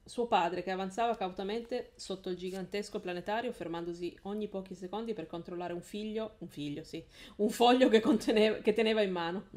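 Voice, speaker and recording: A woman's voice: medium pitch, brisk, few pauses, a little mellow. A woman hosting a live stream, reading a novel aloud in a casual way, often correcting herself and laughing.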